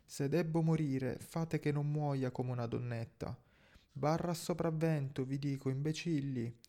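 A man's voice: on the high side, fairly even intonation, unhurried. Starbuck, a man doing a frantic devout first mate. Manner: frantic shouted orders, praying.

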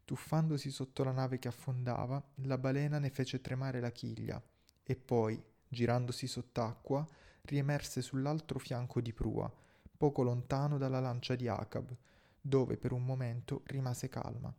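Gravelly low man narrating. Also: flat delivery, moderate pace, warm tone. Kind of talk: scripted audiobook narration.

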